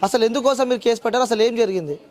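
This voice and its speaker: Rapid-fire high-voiced male interviewer. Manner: rushed, probing questions. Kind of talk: interview questions.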